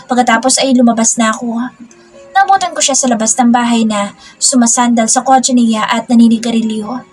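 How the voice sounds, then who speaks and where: A woman narrating a romance story in the first person, reading it in a steady, plain way. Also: fairly high pitch, brisk, faint music behind.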